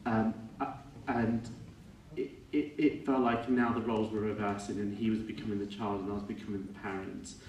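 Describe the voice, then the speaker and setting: A middle-aged man with a fairly low voice delivers an informal eulogy. He speaks in a halting, reflective way and often corrects himself. The recording is echoey and picked up at some distance from the microphone. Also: little pitch movement, a little mellow. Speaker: son giving a eulogy for his father. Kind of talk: informal funeral speech. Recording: echoey room, distant mic, faint noise.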